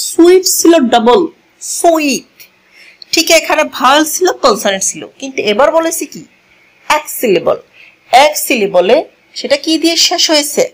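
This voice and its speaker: A woman teaching a grammar lesson to a class, moving slowly, repeating key words and asking the learners questions as she goes, switching languages mid-sentence. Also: fairly high pitch, rough recording. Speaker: English teacher. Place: classroom with a board.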